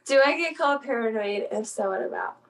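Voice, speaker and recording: A woman's voice: fairly high pitch, animated, brisk. Chatty laughing woman from Pennsylvania. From South Central Pennsylvania. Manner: chatty, laughs often, trails off and restarts. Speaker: interview guest. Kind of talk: casual conversational interview.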